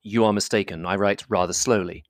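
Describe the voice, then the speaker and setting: A reader as a proud, reserved gentleman. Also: sits low, fairly even intonation, dry recording, studio quality, natural voice. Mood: cool reserve. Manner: measured, curt, formal. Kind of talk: classic novel audiobook dialogue.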